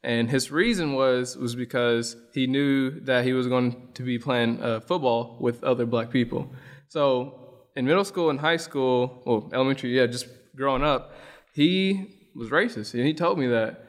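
A young adult guest from Illinois rambles easily through his background in casual conversation, pausing on frequent fillers. His mid-range voice is smooth and resonant, and a long reverb makes it sound as though he's in a large hall.

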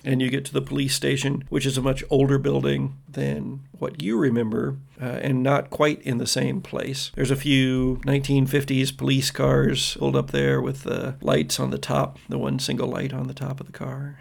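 Gravelly game master narrating. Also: male voice, medium pitch, completely flat delivery, normal speed, hardly any pauses.

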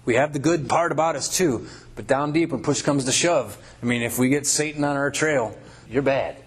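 A man's voice: medium pitch, moderate pace, breathy edge. A man preaching a sermon in a church, breaking up scripture readings with folksy, conversational asides. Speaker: pastor. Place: church before a congregation.

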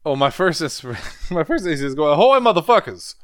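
A man's voice: a little high, normal speed, dry recording. A man playing in a tabletop game show, chatting casually with playful, crude joking.

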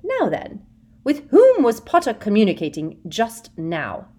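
Narrating an audiobook, a woman voices a cruel, simpering middle-aged witch official with a high, breathy, sugary-menacing delivery. Her pitch swings hugely, her pace is unhurried, her tone warm, and the mood is triumphant.

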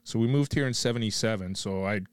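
A man from Quebec hosting a podcast, chatting in a relaxed, friendly way. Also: fairly low pitch, fast talker, clear, resonant tone, no echo. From Quebec, Canada. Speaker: podcast host. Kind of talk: casual chat. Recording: dry close sound.

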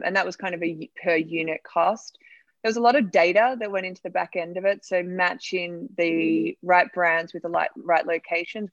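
A woman's voice: lowish voice, no room sound, dull audio. A woman from Australia, a startup founder, talking candidly in a podcast interview with many fillers.

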